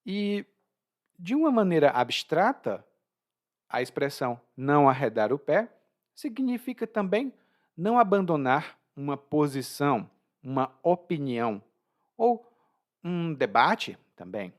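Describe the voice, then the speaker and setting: Slow, lively Brazilian man teaching. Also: a little high. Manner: explains slowly, repeats key phrases, checks in with "hum?". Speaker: language teacher. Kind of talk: podcast language lesson.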